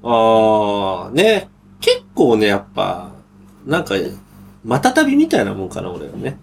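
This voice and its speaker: A man co-hosting a podcast in casual chat, laid-back, laughing easily and filling pauses with drawn-out sounds. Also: fairly low pitch, wildly swooping pitch, vocal fry, a little hiss or hum. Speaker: podcast co-host.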